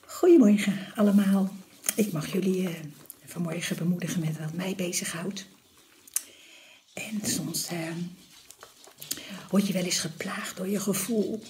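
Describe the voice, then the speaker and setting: A woman speaks a morning devotional in a mellow, warm tone. She talks slowly and gently, and her voice often sinks to a soft half-whisper. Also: on the low side, slight background noise.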